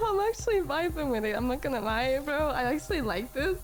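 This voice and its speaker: Style: gameplay commentary. Sex: woman. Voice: high, playful. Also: lively intonation, normal speed, soft background music. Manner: playful, chatty, sing-song. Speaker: streamer.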